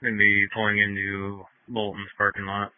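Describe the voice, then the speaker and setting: A police officer, a man, giving clipped, flat calls over a two-way radio. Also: on the low side, moderate pace, no echo. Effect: heard over a two-way radio. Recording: narrow tinny radio transmission.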